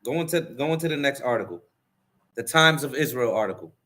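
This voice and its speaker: A man's voice: medium pitch, lively intonation, fairly quick, sharp tone. A man hosting a religious commentary stream, preaching and mocking the clips he has his co-host play.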